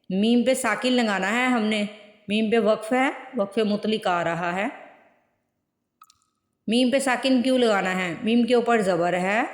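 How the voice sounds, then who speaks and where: A woman teaching Quran recitation step by step, patiently repeating words slowly to show pronunciation. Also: a little high. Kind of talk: step-by-step tajweed lesson. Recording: echoey room with long reverb.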